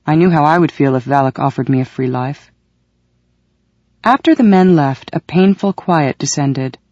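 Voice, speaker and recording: Audiobook narrator, steady first-person telling, husky mellow voice, dull dry recording. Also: mid-range voice, normal speed, no echo.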